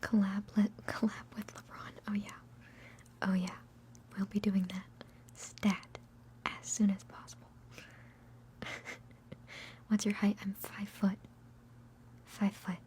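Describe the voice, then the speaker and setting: Young female ASMR streamer, whispered Q&A chat, mid-pitched, giggly, self-mocking. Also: level tone, slow, pauses often, warm tone. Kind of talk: whispered live Q&A ramble.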